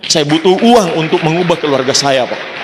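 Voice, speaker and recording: A man's voice: a little high, expressive, moderate pace, noisy background. A man giving a motivational talk to an audience, telling his story with acted-out dialogue and frequent direct address. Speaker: motivational speaker. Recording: long hall reverb.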